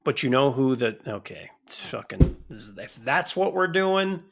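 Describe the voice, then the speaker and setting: A man with a gravelly, creaky voice co-hosts a casual podcast. He talks in a blunt way, swears freely and often talks over his partner. His pitch sits in the middle range for a man. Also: big pitch swings, moderate pace. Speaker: podcast co-host. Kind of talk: casual chat.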